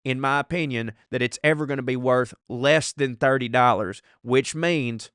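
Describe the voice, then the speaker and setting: A man's voice: medium pitch, normal speed, a bit bright, smooth, no echo, studio quality. Stuffed-up man hosting a casual, sweary podcast. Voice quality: congested, stuffed-nose sound from allergies. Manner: profane, bantering. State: blocked nose, short of breath. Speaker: podcast host. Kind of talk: casual comedic podcast talk, reading listener mail aloud.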